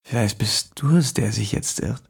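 A man voicing a sinister, soft-spoken stranger who talks in a husky, coaxing half-whisper. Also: mid-range voice, moderate pace. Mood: menacing hush.

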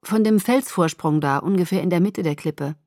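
A woman voicing a playful, easygoing teenage boy who talks low and softly. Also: normal speed, no echo, clean studio sound, lightly acted. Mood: casual. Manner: low, soft-spoken.

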